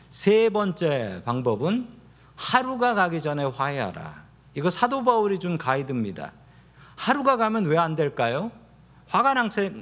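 A man preaching a sermon as pastor, asking his congregation questions and acting out quoted lines in a lower voice. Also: fairly bright tone.

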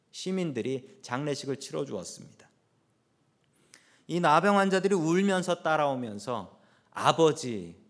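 A man who is a pastor, preaching a sermon and telling a story with rising and falling emphasis. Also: mid-range voice.

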